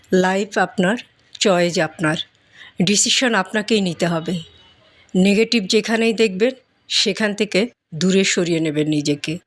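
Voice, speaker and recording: A woman's voice: mid-range voice, no echo. A woman vlogger giving motivational advice straight to viewers in short, direct instructions, talking as she eats with her mouth sometimes full. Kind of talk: motivational monologue addressed to viewers.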